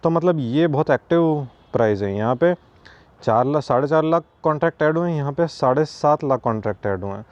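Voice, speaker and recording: A man talks through a screen-capture trading tutorial in a relaxed, explanatory way, dropping in English phrases. His voice is mellow and warm. The recording sounds a little dull and lo-fi. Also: fairly high pitch, fairly quick, no echo. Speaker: trading educator. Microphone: voice-over over screen capture.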